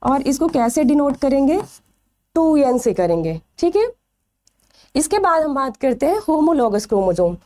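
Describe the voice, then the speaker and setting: Woman, biology teacher, lively high voice with a mellow tone, quizzes the class and answers herself. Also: normal speed. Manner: asks questions then answers them herself, stretching key terms. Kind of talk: exam-prep lecture.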